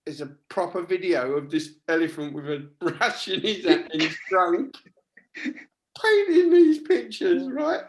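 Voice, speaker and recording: A man's voice: on the high side, steady tone, normal speed, few pauses, fairly bright tone. A man co-hosting a casual chat show, telling funny stories animatedly and laughing as he goes. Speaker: co-host.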